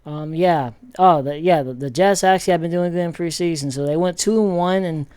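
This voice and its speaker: Man, rambling football vlog commentary, fairly high voice, smooth and clear, dry close sound. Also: a little fast, a little mellow, no echo. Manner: rambling, many ums and restarts. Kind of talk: casual sports commentary vlog.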